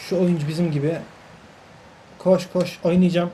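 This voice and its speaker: A man's voice: high voice, steady tone, moderate pace, warm tone, a little hiss or hum. Frustrated young man narrating a football game. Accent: Turkish. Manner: exasperated, talks to players on screen, swears by God, repeats himself. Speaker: gaming channel host. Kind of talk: live gameplay commentary.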